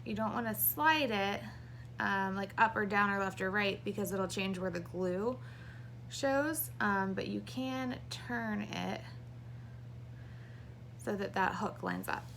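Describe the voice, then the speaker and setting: A woman's voice: mid-range voice, slow, vocal fry, fairly bright tone, a little hiss or hum. A woman in her thirties, heavily pregnant and short of breath, giving a casual hands-on craft tutorial to camera. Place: small indoor craft room.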